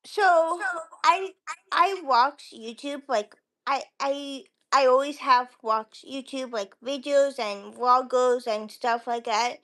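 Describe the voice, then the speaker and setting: A woman's voice: high voice, slow pace, a bit bright. A woman chatting casually on a livestream as a guest creator, rambling and acting out remembered conversations. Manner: rambling, quotes conversations with frequent "like".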